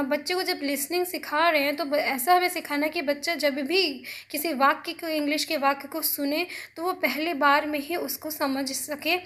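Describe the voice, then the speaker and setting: A young woman, teaching a recorded exam prep lesson. She reads each point slowly and carefully, then explains it at length in a plain, patient teaching voice. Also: high-pitched, fairly bright tone.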